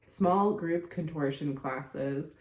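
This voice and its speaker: Sounding congested after being sick recently, a young woman chats casually and slowly on her own podcast, using lots of fillers. She hosts the show and coaches contortion, and her low-pitched voice echoes around the room.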